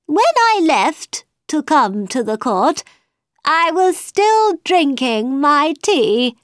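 A woman's voice: sits high, big pitch swings, slow, dry recording, clean studio sound, pitched above the performer's own voice, exaggerated voice. A woman voicing a nervous, muddled male hatter who pleads and fumbles in court. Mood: flustered. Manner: flustered, pleading.

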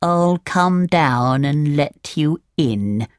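A woman voicing a large snail who speaks slowly and calmly. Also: low voice, no room sound, clean studio sound, exaggerated voice. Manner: slow and calm. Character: slow, unhurried large snail.

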